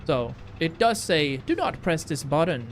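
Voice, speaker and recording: A slightly high, very animated man speaks a little slowly, with a touch of hiss or hum on the recording. He's livestreaming a video game, chatting casually and with slang to his viewers while he plays, with game music in the background.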